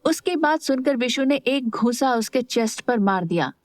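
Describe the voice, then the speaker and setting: A woman narrating an audio story smoothly in a steady storytelling style. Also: a little high, moderate pace, no echo.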